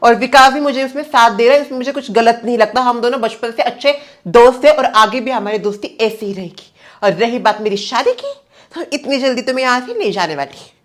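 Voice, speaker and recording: A man's voice: very high voice, lively intonation, fairly quick, fairly bright tone, pitched above the performer's own voice. A man doing a defiant young daughter. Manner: earnest, firm. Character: young adult Indian daughter, earnest and defiant. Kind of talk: comedy sketch acting.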